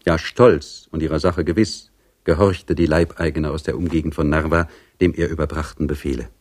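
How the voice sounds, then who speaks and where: A male reader narrates a period story with measured composure. His voice sits low and carries a slight husky roughness. The delivery stays steady and literary. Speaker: audiobook reader.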